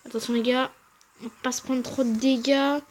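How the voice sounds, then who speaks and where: A woman giving casual, slangy commentary over her own gameplay, talking quietly and then shouting at big wins and losses. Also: high voice, flat delivery, normal speed, a little hiss or hum. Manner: speaks quietly between outbursts. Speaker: gaming channel host.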